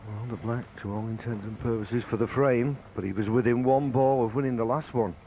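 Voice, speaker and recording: A man giving live snooker commentary in a measured, understated way, with pauses between short remarks. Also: medium pitch, steady tone, dark tone, a little hiss or hum, rough recording.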